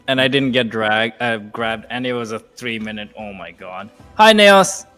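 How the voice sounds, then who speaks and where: A man from Nepal, chatting casually on a live game stream, laughing easily and reacting out loud to play. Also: mid-range voice, lively intonation, measured pace, faint music behind. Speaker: gaming streamer. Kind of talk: casual live-stream chat while gaming.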